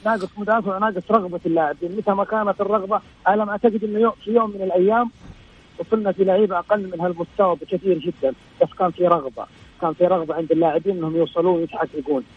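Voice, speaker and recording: A man's voice: high-pitched, fairly even intonation, very fast. A man calling in to a radio show over a phone line that keeps breaking up, speaking earnestly and repeating himself. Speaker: radio call-in caller. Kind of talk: casual call-in chat. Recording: husky, tinny phone line.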